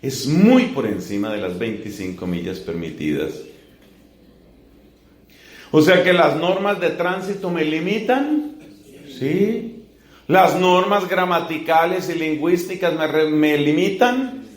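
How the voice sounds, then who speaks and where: A man preaching as a friar in a teaching sermon, building slow emphatic lists and asking rhetorical questions. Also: on the high side, lively intonation. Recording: echoey room.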